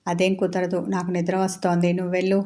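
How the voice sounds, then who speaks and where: A woman voicing a sleepy, sulky young bride in a romance story, in a flat, even voice. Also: on the low side, fairly quick, natural voice.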